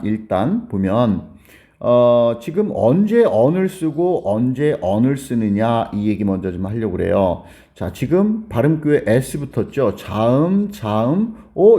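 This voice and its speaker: A man teaching a basic grammar lesson, explaining step by step and often checking whether the class has followed. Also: warm tone. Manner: explains step by step, keeps asking "got it?"; acts out a student's question in a higher voice.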